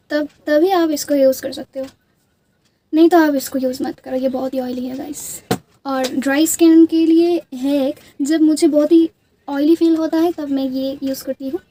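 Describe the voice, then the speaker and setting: A woman's voice: high-pitched, mellow. Chatty young woman with Bengali accent. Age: young adult. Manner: chatty, rambling, many restarts and fillers. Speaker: beauty vlogger. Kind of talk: casual storytelling with makeup.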